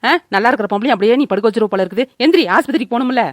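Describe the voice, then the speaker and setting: A woman voicing a sharp-tongued village woman neighbour, bossy and scolding. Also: on the high side, dry recording, clean studio sound, close to an everyday voice. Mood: urging. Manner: scolding, bossy, rapid-fire. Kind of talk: cartoon voice acting.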